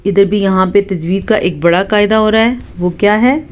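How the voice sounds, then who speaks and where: A woman teaching Quran recitation rules, explaining each one calmly and reciting words slowly and drawn out. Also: mid-range voice. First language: Urdu. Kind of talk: tajweed lesson with slow recitation.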